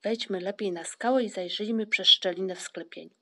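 A woman reading the part of Snufkin, a calm, thoughtful young wanderer, in a storybook. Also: mid-range voice, fairly quick. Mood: cautious.

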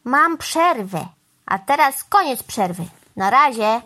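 A woman voicing an excitable, fussy male crow who squawks indignant exclamations. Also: a little high, slow, heavily acted. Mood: bossy.

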